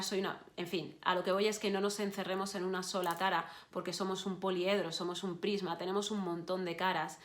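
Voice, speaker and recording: Low-voiced woman. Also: a bit bright. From Spain. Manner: encouraging, addresses listeners directly, frequent restarts and fillers. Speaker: journalist giving an online course session. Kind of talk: online course talk to students.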